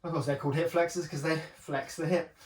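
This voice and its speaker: Breathless fitness trainer in an echoey room. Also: male voice, fairly high pitch, steady tone, fast, far from the mic. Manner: encouraging, joking, breathing hard between exercises. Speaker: personal trainer. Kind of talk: talking through a home workout.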